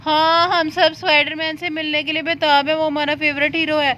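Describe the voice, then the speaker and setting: A woman's voice: sits high, flat delivery, pushed and bright, a little hiss or hum. A woman narrating and playing out a doll story in a cheerful, exclamatory way. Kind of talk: playful doll play storytelling.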